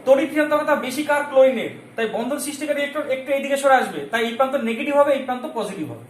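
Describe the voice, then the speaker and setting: Lively high-voiced male teacher, echoey room. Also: slight background noise. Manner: keeps asking the class questions and checking they follow; repeats key terms slowly for memorizing. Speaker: chemistry teacher. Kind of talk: lesson to students. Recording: echoey room with faint ambience.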